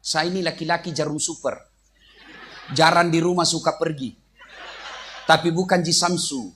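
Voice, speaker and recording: A man's voice: a little high, bright, forceful tone, slight background noise. A man with a Makassar accent preaching a humorous sermon, joking and addressing the audience directly. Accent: Makassar Indonesian.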